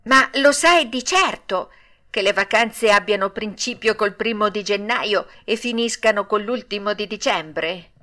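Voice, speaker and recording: A woman voicing Pinocchio, a naive wooden puppet boy, with dreamy drawn-out exclamations in an audiobook. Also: mid-range voice, bright, forceful tone. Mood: pleading. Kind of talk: audiobook character voice.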